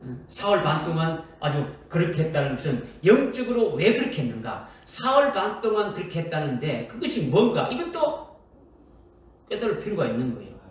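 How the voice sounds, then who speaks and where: A man preaching a sermon as pastor. He keeps questioning the congregation and checks with them after nearly every point. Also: fairly high pitch. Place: church sanctuary. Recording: echoey, from far off in a church hall.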